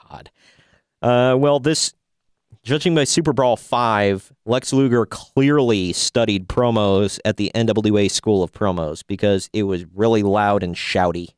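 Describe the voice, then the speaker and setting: A man's voice: lowish voice, measured pace, clear, resonant tone, no echo, clean studio sound. A man co-hosting a podcast, giving a sarcastic, rambling recap in casual chat. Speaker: podcast co-host.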